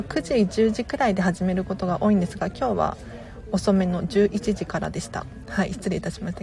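Hosting a live stream as a tidying consultant, a woman chats politely and casually with her viewers, now and then laughing softly. Her voice is mid-range and creaky.

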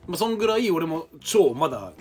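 Animated storyteller, a man in his 30s with a mild Fukuoka accent; rattles along at speed. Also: fairly high pitch, a little fast, music in the background. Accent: Fukuoka dialect, mild. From Fukuoka, Japan. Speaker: podcast co-host. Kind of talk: casual chat.

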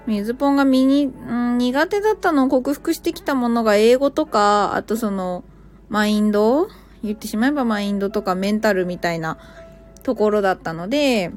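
A woman's voice: on the high side, darkish tone. A woman who teaches English at a cram school, chatting casually on a live stream and reacting to listener comments with small laughs.

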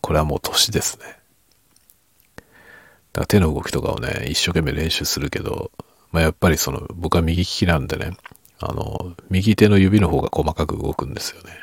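A middle-aged man chatting softly and casually late at night in a husky, hushed murmur that drifts into whisper, unhurried and trailing off. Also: a bass voice, no echo, studio quality. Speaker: podcast and ASMR creator.

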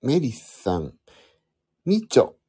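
A man's voice: medium pitch, huge pitch swings, takes it slowly, mellow, husky. A man hosting a casual solo podcast, rambling and correcting himself as he thinks aloud while fiddling with his phone. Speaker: podcast host. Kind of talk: casual solo chat to listeners.

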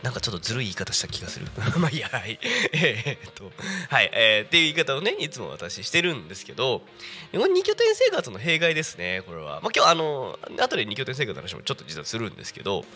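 A man's voice: mid-range voice, wildly swooping pitch, quick pace, pushed and bright, faint music behind. A man hosting a casual live local radio show, chatty and rambling, laughing often, with a stuffy nose and throat. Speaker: radio personality.

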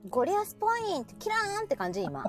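A woman from Osaka chats in a Kansai accent, her high voice leaping up and down as she talks. She laughs often and keeps the conversation lively. Soft music plays faintly behind her. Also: quick pace. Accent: Kansai Japanese. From Osaka, Japan. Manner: animated and chatty, often laughing. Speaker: co-host of a live audio talk show. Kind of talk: casual chat.

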